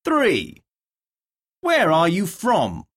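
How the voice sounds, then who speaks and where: Husky and fairly low-pitched, this female narrator moves through an English lesson script, enunciating vocabulary, questions and dictation deliberately. Big pauses separate items, and her intonation rises and falls dramatically.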